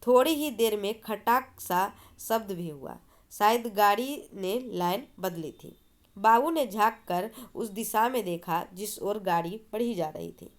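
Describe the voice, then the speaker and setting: A woman teacher with a medium-pitched, animated voice reads a story aloud at a measured pace. She explains it as she goes, posing questions and then answering them herself.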